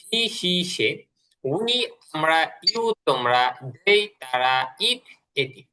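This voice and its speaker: Brief: male online teacher, bright forceful tone, patient step-by-step explaining, call mic. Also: fairly high pitch, big pitch swings, extremely slow, clean tone. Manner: explains step by step, repeats words for drills. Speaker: English teacher. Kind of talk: online class lesson.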